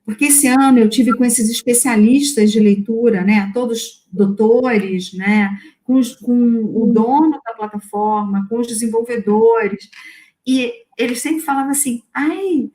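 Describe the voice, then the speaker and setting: A woman with a strong Carioca accent speaks in a slightly high voice. She talks casually as a guest on an online panel, often pausing on fillers and restarting her sentences. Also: dark tone, slight background noise. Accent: Carioca Brazilian Portuguese. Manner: hesitant, with many "é" fillers and restarts. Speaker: guest speaker on language learning.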